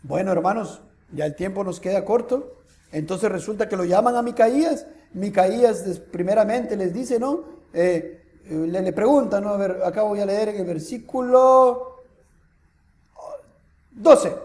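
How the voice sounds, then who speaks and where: A man with a Peruvian accent preaching a sermon as pastor, lively and full of rhetorical questions to the congregation. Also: high voice, unhurried, roomy sound. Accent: Peruvian Spanish. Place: church hall.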